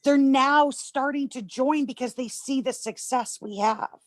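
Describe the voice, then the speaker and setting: Gushing high-voiced woman testifying. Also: unhurried, no room sound. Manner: gushing, emphatic, choked up at times. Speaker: member testifying on a group video call. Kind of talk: emotional testimonial.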